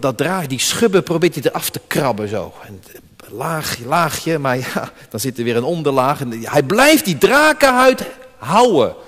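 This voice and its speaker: A male pastor preaches with strong emphasis, his fairly high voice swinging widely in pitch. He repeats key words to drive them home, and a long hall reverb follows him. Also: a bit bright. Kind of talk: sermon.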